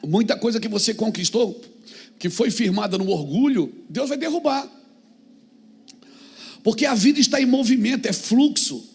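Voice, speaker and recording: A male pastor preaching a sermon. He moves from calm talk to fervent shouts and calls out to the congregation. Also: very high-pitched, moderate pace, gravelly, pauses often, husky.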